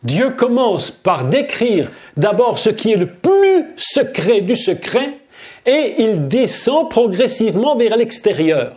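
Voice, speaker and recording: Emphatic high-pitched male preacher. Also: very animated, slow, a little mellow. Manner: emphatic, repeats key phrases, addresses the audience directly. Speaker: preacher teaching a seminar. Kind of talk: sermon.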